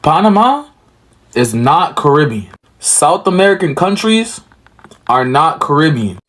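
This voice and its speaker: A man hosts a reaction video in a chatty, casual way, talking straight to his viewers. His voice sits a little higher than most men's. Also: very animated, a little slow, fairly bright tone. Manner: chatty, addresses viewers as y'all. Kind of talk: casual explainer talk.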